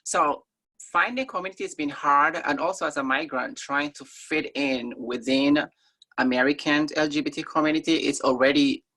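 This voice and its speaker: A woman's voice: sits low, moderate pace, fairly bright tone. A woman from Somalia, a guest in a conversational interview, talking in an earnest, thoughtful way with frequent ums.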